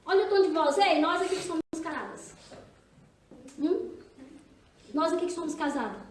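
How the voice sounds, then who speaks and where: A woman's voice: very high voice, lively intonation, normal speed, a little hiss or hum. A Brazilian woman pastor leading a women's church seminar, chatty and teasing, often asking her listeners questions. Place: church hall. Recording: echoey hall, distant mic.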